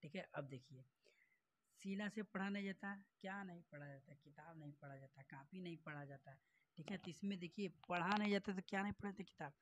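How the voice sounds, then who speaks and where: A Hindi teacher going through exam practice questions, explaining each answer with rhetorical questions and repetition. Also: male voice, sits high, a little fast, a bit bright, lo-fi sound, slight background noise. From northern India.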